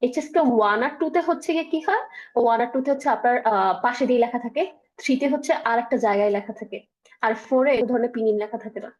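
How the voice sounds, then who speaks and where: A fast-talking woman with a Bangladeshi Bengali accent teaches a beginner language class over a video call. Her voice sits a little high, and she keeps stopping to ask whether her student is following. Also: darkish tone, dull audio. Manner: explains patiently with frequent check-ins. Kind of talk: online beginner Chinese class.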